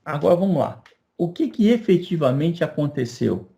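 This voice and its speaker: A man's voice: fairly high pitch, very animated, normal speed, creaky, warm tone. An older man from Brazil, telling a long story in a class. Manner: anecdotal, chatty, acts out dialogue. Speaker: teacher.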